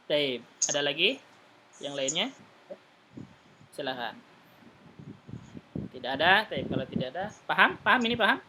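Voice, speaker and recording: A man teaching an Arabic class, patiently explaining and repeating words slowly for his students. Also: fairly high pitch, animated, sharp tone, slight background noise.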